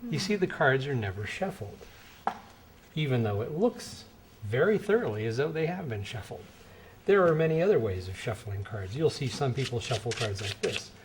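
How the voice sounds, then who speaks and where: A man's voice: mid-range voice, lively intonation, normal speed, slight background noise, low-quality recording. A middle-aged man delivering conversational card magician patter with a playful showman's touch, demonstrating to spectators. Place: indoor studio set at a card table.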